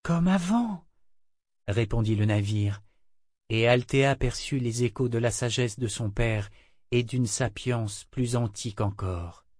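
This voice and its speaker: A man narrating a novel aloud in a measured, even way. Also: medium pitch, dry recording, studio quality. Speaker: audiobook narrator.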